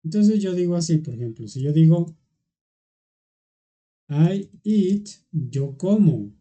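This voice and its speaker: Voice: mid-range voice, animated, moderate pace, dark tone. A teacher explaining grammar in an online class, going patiently step by step and checking in often with the students. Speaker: English teacher.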